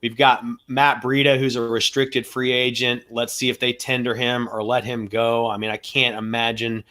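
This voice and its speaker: A man's voice: medium pitch, little pitch movement, normal speed, bright, forceful tone. A man co-hosting a podcast in casual analytical chat, methodically running through numbers and hedging as he thinks aloud. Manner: methodical, runs through stats and contract figures. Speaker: podcast co-host.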